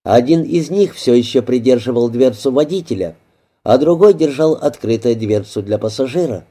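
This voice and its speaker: A man narrating a novel as an audiobook in a measured, even storytelling manner. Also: mid-range voice. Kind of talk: scripted narration.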